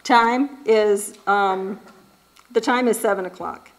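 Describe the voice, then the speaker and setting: A woman's voice: mid-range voice, slow pace, low-quality recording. A woman speaking casually to a church group, conversational and full of restarts. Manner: conversational, with many fillers and restarts.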